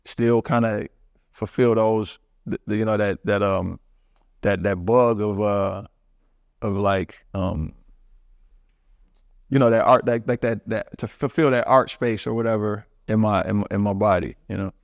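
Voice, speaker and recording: A man's voice: on the low side, steady tone, unhurried, gravelly, no echo. A middle-aged man, talking loosely as an interview guest, rambling and restarting with plenty of slang. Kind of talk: casual interview talk.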